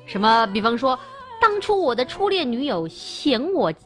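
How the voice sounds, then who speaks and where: A playful woman hosting a livestream. She teases her viewers and reads out their messages, and her pitch swings widely from high to low. Soft music plays faintly behind her. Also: sing-song, normal speed. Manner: playful and teasing, stammers and restarts. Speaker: livestream host. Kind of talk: casual chat with viewers.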